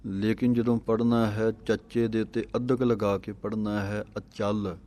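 A man teaching the correct pronunciation of scripture, chanting each verse slowly and then explaining it in a measured tone. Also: fairly low pitch, little pitch movement, mellow. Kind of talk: slow, careful recitation lesson.

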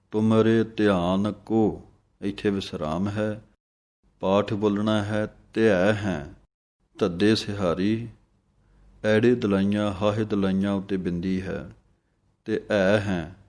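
A man teaching scripture recitation, slowly chanting verses and then explaining the pronunciation in brisk asides. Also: fairly low pitch, a little mellow. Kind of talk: recitation lesson with slow chanted verses and quick spoken explanations.

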